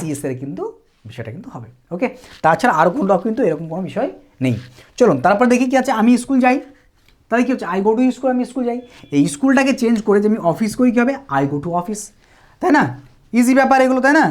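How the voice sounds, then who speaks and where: A woman's voice: mid-range voice, darkish tone. A woman teaching a spoken English lesson, explaining patiently and stopping often to check that her students follow.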